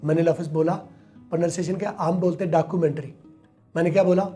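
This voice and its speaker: A man's voice: sits high, fairly even intonation, warm tone, soft background music. A man explaining English pronunciation as a teacher, emphatic, repeating words to demonstrate them. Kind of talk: explaining in a studio interview.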